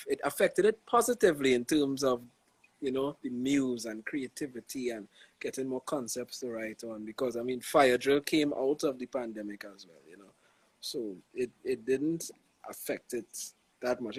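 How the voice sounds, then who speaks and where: A young man from Trinidad and Tobago, a gospel artist with a Trinidadian accent, speaks at normal speed in a medium-pitched voice with a breathy edge. The casual live-stream interview is laid-back, reflective and slangy, thick with "you know"s, recorded at low quality without echo.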